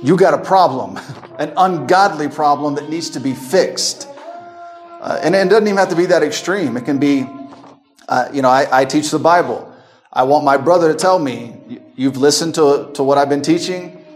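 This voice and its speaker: A man's voice: moderate pace, soft background music. Man teaching a Bible class. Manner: conversational, acts out quoted people with shifts of pitch, laughs often. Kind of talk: recorded Bible class lecture.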